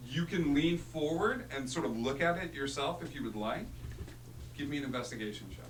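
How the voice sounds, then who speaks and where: A man working as game master, narrating a tabletop fantasy game theatrically with dramatic pauses. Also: mid-range voice. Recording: echoey room, distant mic, humming noise.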